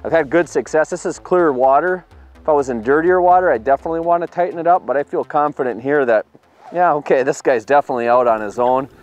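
A man's voice: a little high, quick pace, a little mellow, soft background music. A man in his thirties on a boat on a lake, explaining his fishing tackle and catches in an upbeat way. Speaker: fishing video producer. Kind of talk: on-the-water fishing demonstration. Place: open boat on a lake, outdoors.

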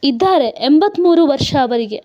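A woman's voice: sits high, animated, normal speed. Woman playing a tearful middle-aged woman. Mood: sorrowful. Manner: tearful, reflective storytelling. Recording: dull lo-fi recording.

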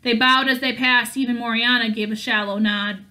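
A woman reading a fantasy novel aloud in a steady storytelling way. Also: fairly high pitch, normal speed. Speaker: audiobook reader.

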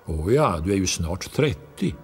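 A man reading a poem aloud and voicing a practical young wife who speaks up insistently over soft music. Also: low voice, very animated. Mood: dismissive. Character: young wife, eager, practical, bound to inheritance.

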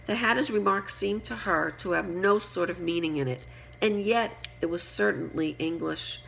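A woman reading a children's story aloud, lively and giving each character a voice. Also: on the low side, normal speed, creaky, poor audio.

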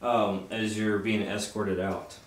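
A man narrating a tabletop game as game master, improvising in a halting way. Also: fairly low pitch, little pitch movement. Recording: echoey, distant mic, faint noise.

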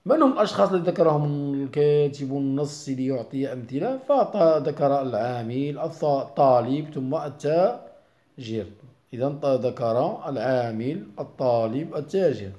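A man's voice: mid-range voice, animated, normal speed, dark tone. A middle-aged man with a Moroccan Arabic accent, a primary school teacher going through a worksheet, mixing dialect with formal Arabic and hesitating often. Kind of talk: explaining a worksheet.

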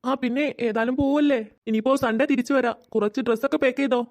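Woman doing a brisk cartoon husband. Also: high voice, fairly even intonation, darkish tone, lightly acted. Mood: matter-of-fact. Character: calm husband, middle-aged family man. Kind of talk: cartoon voice acting.

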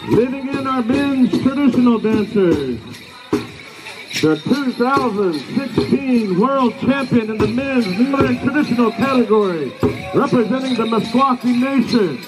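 A man's voice: very high voice, expressive, unhurried, low-quality recording. A man announcing live as master of ceremonies at an outdoor powwow, addressing dancers in a ceremonial manner over a PA. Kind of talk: live event announcing over drumming and singing. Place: large outdoor grass arena, picked up by spectator camera. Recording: outdoor PA behind loud music. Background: loud powwow music, jingling bells.

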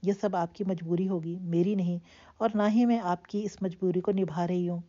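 A woman's voice: lowish voice, steady tone, lightly acted. Bitter, wounded young bride, read by a woman. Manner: sharp, bitter, strained. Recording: dull lo-fi audio.

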